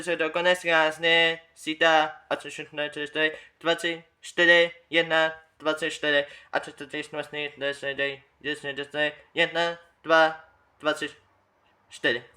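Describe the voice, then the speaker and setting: A man commenting casually on an old TV recording for his channel, rambling and halting and often repeating himself. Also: fairly high pitch, pushed and bright, clear, resonant tone. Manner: halting, repetitive, trailing off.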